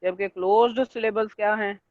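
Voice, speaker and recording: A male lecturer gives an online class, explaining step by step, checking in with students and filling pauses with stock phrases. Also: high-pitched, fairly even intonation, no room sound. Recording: dry, tinny phone-like line.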